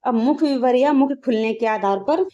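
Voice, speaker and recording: In slightly dull lo-fi audio, a female exam-prep grammar teacher speaks at a moderate pace in a fairly high, dark-toned voice. She keeps saying "ठीक है" to check that listeners follow, sounds things out in drills, and answers the questions she asks.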